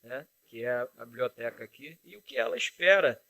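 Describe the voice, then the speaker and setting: A man's voice: mid-range voice, expressive, moderate pace, gravelly, sharp tone, dry recording. A man hosts an interview podcast, making polite, formal introductions. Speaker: podcast host.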